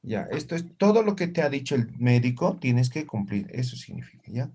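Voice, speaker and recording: A man teaching a live online language class over a video call. He talks patiently, says words slowly and often checks that students follow. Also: medium pitch, big pitch swings, darkish tone, slightly rough.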